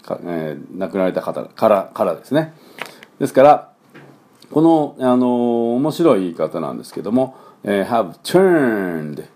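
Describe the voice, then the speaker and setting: A man teaching English pronunciation in a relaxed, chatty way with many fillers, coaching learners to repeat after him. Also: on the low side. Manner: coaching learners to repeat, demonstrating sounds slowly. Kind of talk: pronunciation lesson.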